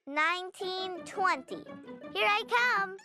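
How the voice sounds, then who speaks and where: A voice actress playing a lively little child in a children's cartoon, bright and chirpy. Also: female voice, very high-pitched, slow, music in the background. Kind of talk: cartoon voice acting.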